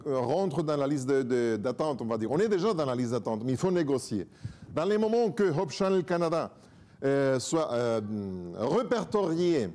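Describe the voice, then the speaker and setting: Joking preacher, a man with a foreign tongue. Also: fairly high pitch. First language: Spanish. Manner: joking, self-mocking, lively, moves a lot. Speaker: guest preacher. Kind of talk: church talk.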